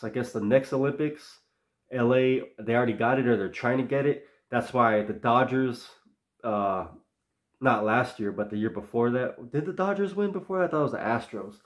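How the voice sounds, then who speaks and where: In an echoey room, a medium-pitched man who's sick and stuffed up gives his football takes on his own channel. The casual solo commentary rambles in loose runs and is full of opinions.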